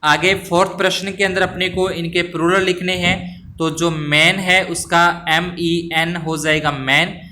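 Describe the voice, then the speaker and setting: A man's voice: sits high, little pitch movement, measured pace, sharp tone, a little hiss or hum. A male teacher patiently explaining test answers, spelling words out letter by letter and mixing in English phrases. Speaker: school teacher.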